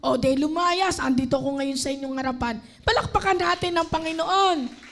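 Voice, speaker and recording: High-voiced Filipino woman preaching. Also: moderate pace, a little hiss or hum. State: tired, strained voice. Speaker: lay preacher. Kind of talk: sermon. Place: church.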